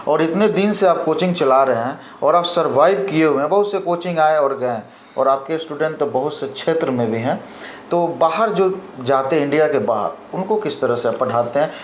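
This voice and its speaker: Podcast host guy asking long questions, slightly high voice, echoey room. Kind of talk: interview questions. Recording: echoey room with faint ambient noise.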